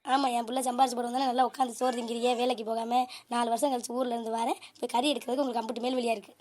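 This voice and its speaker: A woman voicing a sharp-tongued, scheming middle-aged mother in a homemade cartoon, scolding her family. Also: fairly high pitch, flat delivery, racing, slight background noise, close to an everyday voice. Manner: scolding, bickering. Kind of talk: cartoon voice acting.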